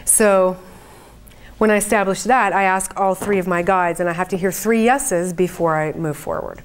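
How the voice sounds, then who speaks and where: A woman's voice: fairly low pitch, steady tone, normal speed. A woman speaking informally to a group as a spiritual channeler, with an earnest, conversational manner. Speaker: trance channeler leading a group event. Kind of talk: informal spoken talk to an audience.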